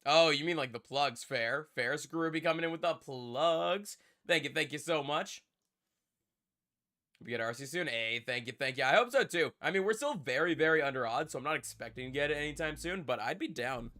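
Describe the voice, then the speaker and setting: A young man on the high side of pitch, with a bright, forceful tone, speaks at a moderate pace to his live-stream viewers. Congested from a cold, he chats casually, rambles and repeats himself as he talks to chat.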